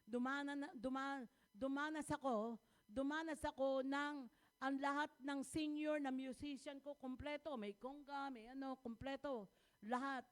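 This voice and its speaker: A woman's voice: sits high, fairly even intonation, measured pace. A woman pastor, preaching a sermon and mixing in English, calling out "amen?" often and building to emphatic exhortation. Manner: Taglish preaching with repeated "amen?" calls.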